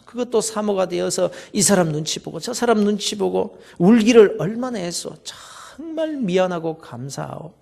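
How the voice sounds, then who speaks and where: A male preacher voicing an aging pastor-father who speaks softly and remorsefully to his wife and children. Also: high-pitched, creaky, heavily acted. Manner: soft, subdued, remorseful.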